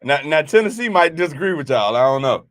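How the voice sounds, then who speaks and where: Animated, lively-pitched talk show host. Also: male voice, brisk, dry recording. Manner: animated, laughing, repeats words. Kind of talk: casual business chat.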